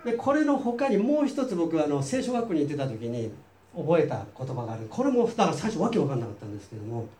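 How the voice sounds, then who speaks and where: In a Seattle church hall, a Japanese man with a Japanese accent preaches, restating each point himself in a second language. His voice is a little high and dark-toned, very animated and fast, and he chats with and questions his audience over slight background noise.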